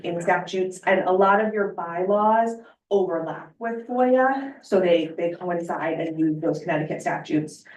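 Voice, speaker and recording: A woman who is short of breath gives a formal informational presentation as a lawyer briefing a board. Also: medium pitch. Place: public board meeting room. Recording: echoey meeting room, far from mic.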